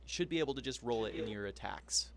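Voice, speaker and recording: A man runs a tabletop game as game master in a relaxed, chuckling manner. His voice sits at an average pitch. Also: fast talker, very noisy.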